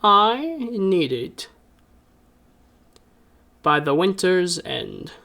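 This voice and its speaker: A man voicing a cryptic, commanding old woman fortune teller in a tabletop game, with a slow, ominous delivery. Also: high voice, big pitch swings, gravelly, sharp tone, full character voice. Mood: ominous, demanding. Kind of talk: tabletop game role-play.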